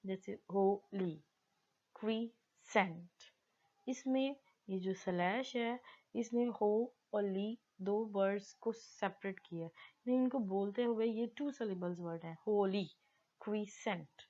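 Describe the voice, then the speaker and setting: A woman teaching basic grammar, explaining in Hindi-Urdu and slowly reading definitions aloud. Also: mid-range voice, warm tone, lo-fi sound. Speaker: English teacher.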